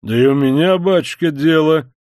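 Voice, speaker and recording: A man's voice: fairly high pitch, moderate pace, darkish tone, no echo, studio quality, pitched above the performer's own voice, lightly acted. A man reading an audiobook, voicing an impatient grown man who grumbles and swears. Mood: irritated.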